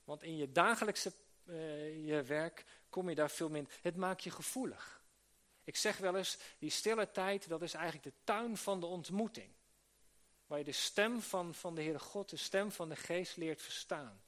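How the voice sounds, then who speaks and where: Earnest high-voiced preacher. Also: male voice, normal speed, a bit bright. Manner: earnest, with restarts and rhetorical questions. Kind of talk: sermon to church workers. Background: live audience he addresses.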